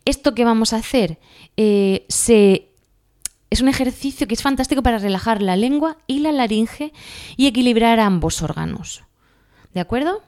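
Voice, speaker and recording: A woman's voice: a little high, expressive, normal speed, darkish tone. Woman, Spain Spanish accent, teacher, casual lesson, chatty, checks in with listeners. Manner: chatty, laughs at herself, asks "¿vale?" often. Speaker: teacher giving exam advice.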